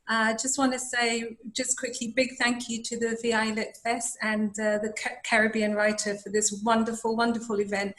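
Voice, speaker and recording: A woman from Dominica with an English accent, a poet who chats briskly and then recites her poem slowly over a video call. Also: on the high side, fairly bright tone, poor audio. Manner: brisk chat, then slow measured recital. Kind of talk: poetry reading on a webinar.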